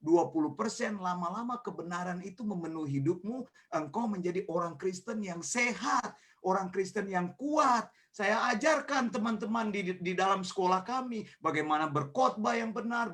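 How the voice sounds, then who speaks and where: A man preaching a sermon with storytelling and acting out voices in his anecdotes. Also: sits high. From Indonesia. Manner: animated, acts out voices in anecdotes, rising to shouts. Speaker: pastor. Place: church meeting.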